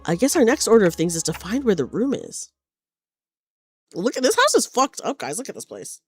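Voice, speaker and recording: A woman's voice: mid-range voice, big pitch swings, fairly quick, husky, no echo, studio quality, soft background music. A woman streamer chatting casually and expressively, swearing a bit and reading game dialogue aloud. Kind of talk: casual livestream chat mixed with dramatic read-aloud of game dialogue.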